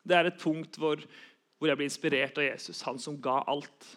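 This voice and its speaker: A man's voice: a little high, fairly even intonation, a bit bright. A young man giving an earnest sermon, repeating key phrases for emphasis. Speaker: preacher.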